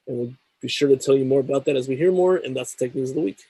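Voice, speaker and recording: A man's voice: mid-range voice, warm tone, a little hiss or hum, poor audio. A man hosting a tech talk show, reading news items and then interviewing a guest. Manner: measured, reads news items then chats. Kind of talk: scripted news segment and interview.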